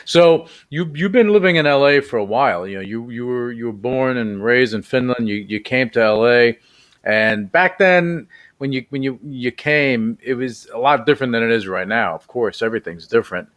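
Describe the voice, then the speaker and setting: A man's voice: mid-range voice, moderate pace, fairly bright tone. A man hosting a radio talk show, interviewing a guest in a casual, rambling way with many repeated words.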